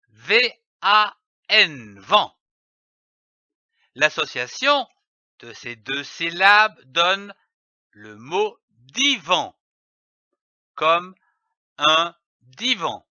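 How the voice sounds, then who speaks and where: A man giving a scripted reading lesson, spelling letters and syllables out slowly and clearly. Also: fairly high pitch, pushed and bright, no echo. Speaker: reading teacher. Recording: dull, slightly lo-fi audio.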